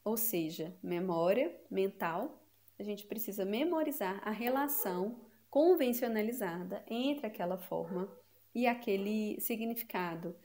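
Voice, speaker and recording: A woman's voice: medium pitch, measured pace, darkish tone. A woman giving a linguistics lesson for a video series, explaining step by step and posing rhetorical questions to the viewer. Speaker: linguistics teacher. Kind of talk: educational video lecture.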